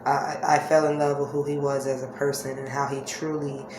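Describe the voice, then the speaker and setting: A woman speaks in a low voice with little rise or fall. She shares personal stories in a casual, reflective and halting way, as if to regular viewers. The room echoes around her. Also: little pitch movement. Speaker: vlogger. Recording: echoey room with faint-to-clear background noise.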